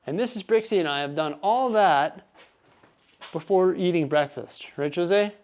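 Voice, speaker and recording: A man's voice: high voice, a little slow, darkish tone. A man chatting casually and upbeat in a vlog as he tidies his garage and studio, rambling through asides. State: out of breath. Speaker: vlogger.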